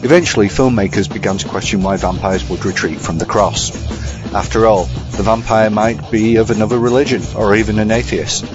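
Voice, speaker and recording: As a podcast segment host, a man delivers scripted film and book commentary in a dry, bookish manner. His lowish voice is brisk with fairly even intonation, and the sound is slightly dull over music.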